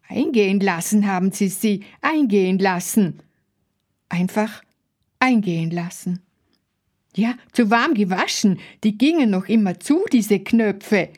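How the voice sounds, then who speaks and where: A woman's voice: medium pitch, a little mellow, natural voice. A woman reading a first-person literary text as a fussy, proud elderly lady in a care home who repeats herself insistently. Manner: repetitive, insistent, slow.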